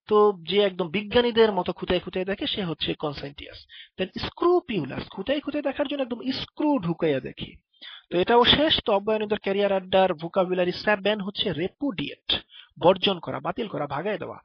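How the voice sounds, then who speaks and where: Husky tutor. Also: male voice, high-pitched, no room sound. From Bangladesh. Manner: explains words with playful memory tricks, speaks directly to the student. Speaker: vocabulary tutor. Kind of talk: spoken vocabulary lesson. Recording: dull lo-fi dry recording.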